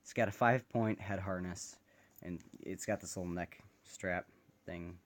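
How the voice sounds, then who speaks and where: A man's voice: low voice, steady tone, normal speed. A man talking casually and off the cuff as he reviews gear, recorded on a phone camera. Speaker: gas mask reviewer. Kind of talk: casual unscripted product review. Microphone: handheld phone camera.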